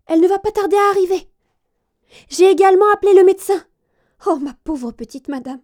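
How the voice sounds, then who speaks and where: A flustered chambermaid , put on by a woman reader, talks fast and loud. Her pitch sits high above the narration. It is a fretful storybook figure with a mellow voice underneath. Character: flustered royal chambermaid, anxious.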